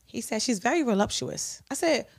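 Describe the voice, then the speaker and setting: Blunt, animated young woman podcaster. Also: fairly high pitch, normal speed, gravelly, breathy edge. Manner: blunt, profane, animated storytelling. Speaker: podcast co-host. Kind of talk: casual chat.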